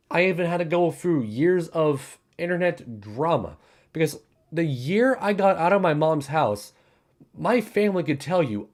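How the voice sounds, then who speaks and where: A young man around twenty-one speaks candidly to his audience in a heartfelt monologue. He repeats himself for emphasis and swears casually. His voice rises and falls in a lively way as he presses each point home. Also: a little high. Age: 20s. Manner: earnest, repetitive, emphatic, with swearing. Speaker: streamer.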